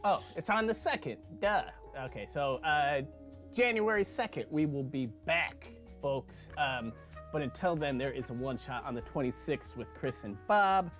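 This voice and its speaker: Animated, rambling stream host, man. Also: a little high, normal speed, faint music behind. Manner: loose, rambling, with many fillers and self-corrections. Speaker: host of a live-streamed tabletop game show. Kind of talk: casual chat and sponsor reads.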